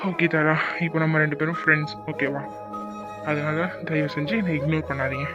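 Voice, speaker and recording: A man's voice: a little high, level tone, fairly quick, lightly acted. A man voicing a polite young man in a cartoon who pleads earnestly to make peace with a friend. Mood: pleading, polite. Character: young man Karthik, polite, remorseful co-worker. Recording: dull lo-fi audio with music bed.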